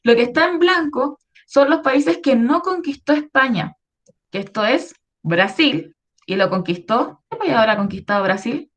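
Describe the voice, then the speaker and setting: A woman with a Chilean Spanish accent speaks in a high, lively voice with a fairly bright tone, a little on the slow side. She's a history teacher giving an online lesson to schoolchildren, patiently explaining and often checking they follow with little prompts like "¿ya?".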